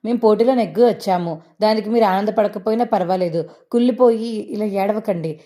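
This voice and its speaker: A woman's voice: medium pitch, a little fast, mellow, close to an everyday voice. A woman voicing a fiery young daughter-in-law who talks back angrily. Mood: angry. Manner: angry, reproachful.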